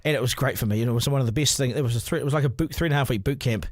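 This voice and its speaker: A man, hosting a casual interview and talking candidly about his own life with gentle teasing. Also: medium pitch, very fast, no echo, studio quality. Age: 50s. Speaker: host.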